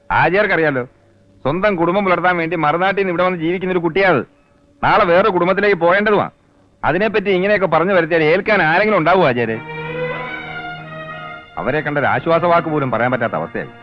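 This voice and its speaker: A man's voice: fairly high pitch, expressive, fast, long pauses, dry recording, soft background music, natural voice. An actor playing a grown male teacher who sternly and indignantly confronts someone spreading rumors, in a film drama. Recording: dull lo-fi old film sound.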